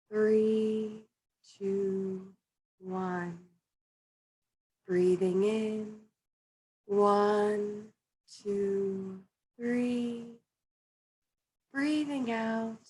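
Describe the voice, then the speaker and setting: A woman leading a guided breathing meditation as a coach, with a soothing, gently instructing manner. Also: mid-range voice, low-quality recording. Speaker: meditation coach and panel guest.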